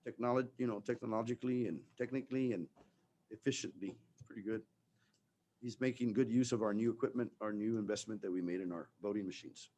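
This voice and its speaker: Fast-talking man chairing a meeting. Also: fairly low pitch, mellow, lo-fi sound. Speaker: county judge chairing a public meeting. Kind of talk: formal meeting procedure, reading resolutions aloud.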